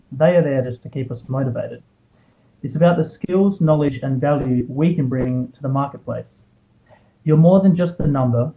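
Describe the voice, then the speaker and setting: A man's voice: medium pitch, narrow, tinny audio. A man in his twenties with an Australian accent delivers a prepared, earnest motivational speech, telling a personal story and posing rhetorical questions. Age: 20s. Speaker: student award recipient giving a speech. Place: live speech to an audience.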